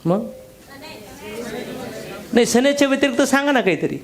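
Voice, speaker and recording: A man's voice: extremely high pitch, animated, moderate pace. A man giving a motivational business seminar talk to a live audience, blunt and slangy, joking and firing questions at the crowd.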